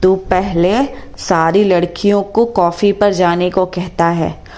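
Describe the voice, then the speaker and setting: Woman voicing a fierce older mother-in-law, bossy and commanding, raised pitch, cartoon story. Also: animated, slow, warm tone. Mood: scolding. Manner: scolding and commanding.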